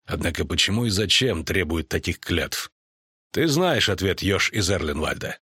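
A man reading an audiobook voices a grim, steady monster-hunter who speaks calmly and firmly. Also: deep voice, moderate pace, husky, dry recording, studio quality, exaggerated voice. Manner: calm, firm speech.

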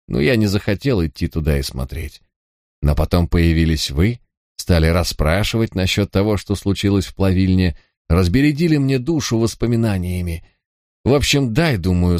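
A man's voice: low-pitched, a little mellow, no room sound, studio quality. A man voicing an old male villager and poacher who tells his story in a rambling, mournful way. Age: over 60.

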